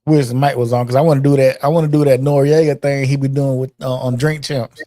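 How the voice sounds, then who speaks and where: A man co-hosts a podcast in relaxed, casual conversation and often answers with short affirmations. His voice is mellow and warm at a middling pitch. The recording is dry and close, with no room sound. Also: brisk, dry recording. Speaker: podcast co-host. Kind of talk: casual chat.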